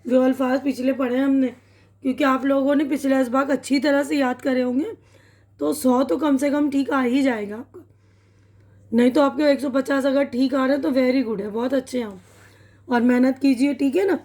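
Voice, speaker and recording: A high-pitched woman with fairly even intonation and a slightly mellow quality teaches English vocabulary and pronunciation in a Pakistani Urdu accent. Patient throughout, she reads word lists aloud, says words slowly again, and asks her students "theek hai na".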